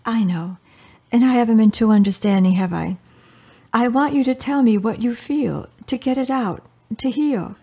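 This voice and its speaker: In a radio drama, a woman plays a devout, gentle older mother who patiently and earnestly counsels her grown daughter. Her voice is somewhat high and husky, with a moderate pace.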